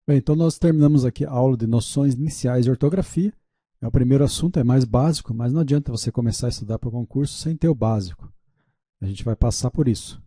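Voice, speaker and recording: A man with a Brazilian Portuguese accent hosting a relaxed screen-recorded tutorial, talking viewers through each click. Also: mid-range voice, fast talker, slightly rough, no echo, clean studio sound. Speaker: teacher and channel host.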